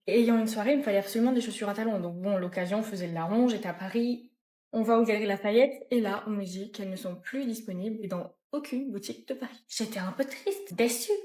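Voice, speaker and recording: A young woman vlogger telling stories to camera in a lively, chatty way. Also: mid-range voice, echoey room. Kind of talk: casual storytelling to camera.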